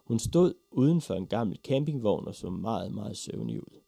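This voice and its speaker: A man reading a children's story aloud with a lively, expressive delivery. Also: fairly low pitch, vocal fry, dry recording, clean studio sound. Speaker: narrator.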